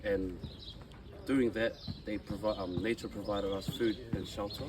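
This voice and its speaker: A man's voice: lowish voice, fairly even intonation. Shy New man, distant and crowded. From New Zealand. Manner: shy, halting, soft-spoken. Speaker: interviewee. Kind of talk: casual street interview. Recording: far from the mic, crowd behind.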